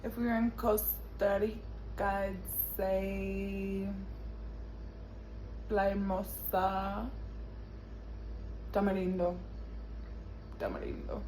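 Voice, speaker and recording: A woman's voice: mid-range voice, level tone, drawn-out words, pauses often, a little mellow, a little hiss or hum, rough recording. A woman chatting casually and rambling as she thinks aloud, with slangy, sweary talk. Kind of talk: casual rambling chat, reminiscing.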